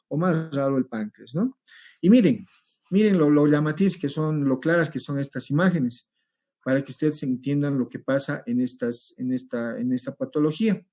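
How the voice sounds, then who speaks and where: A man giving a recorded medical lecture over slides, explaining step by step and often checking with a quick "¿sí?". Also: a little high, mellow. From Peru. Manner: explanatory, repeats points, checks with rhetorical "¿sí?".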